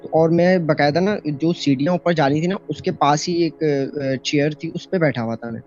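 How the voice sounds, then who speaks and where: A man's voice: on the high side, normal speed, a little mellow. A young man from Pakistan telling a personal horror story in a casual, rambling way, full of fillers and restarts, recorded as a phone voice note. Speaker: storyteller sharing a personal encounter. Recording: dull lo-fi voice note, faint music.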